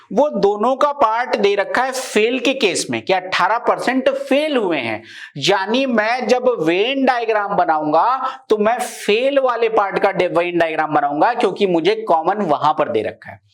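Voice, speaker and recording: A male maths teacher giving a live class, explaining each step and often checking that his students follow. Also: high voice.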